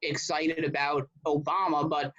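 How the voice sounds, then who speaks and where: A man in his thirties from Connecticut talks in a flat, even tone as a guest in a casual interview. He stops and restarts often and repeats words as he thinks. The sound is dull and muffled. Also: a little high, measured pace, soft background music. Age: 30s.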